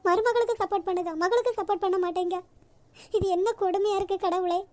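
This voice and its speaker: A woman doing a shrill, sarcastic, grasping housewife. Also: fairly even intonation, fast talker, a little mellow, no echo. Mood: wailing. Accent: Nagercoil Tamil. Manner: sarcastic, complaining. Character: sharp-tongued, grasping middle-aged housewife. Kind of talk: cartoon voice acting.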